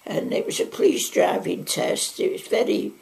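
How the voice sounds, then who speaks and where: Gravelly old Mancunian woman reminiscing. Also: medium pitch, big pitch swings, moderate pace, a little mellow. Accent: Mancunian English. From Manchester, England. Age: 90s. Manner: chatty, rambling reminiscence with frequent asides. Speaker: interviewee. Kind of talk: oral history recollection. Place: living room at home.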